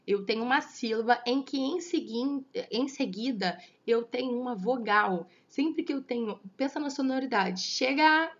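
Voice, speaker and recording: A Brazilian woman with a slightly high voice walks students through a literature lesson. She counts syllables aloud and keeps checking that they follow. Her audio is a little dull, like a lo-fi class stream. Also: normal speed, few pauses. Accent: Brazilian Portuguese. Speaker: teacher. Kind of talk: online class lecture.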